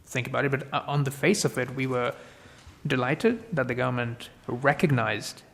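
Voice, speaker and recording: A man presenting for an industry group at a committee hearing, answering in a measured, hedging way. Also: medium pitch, creaky, a bit bright. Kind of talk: committee testimony answering questions. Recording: long reverb in a hearing room.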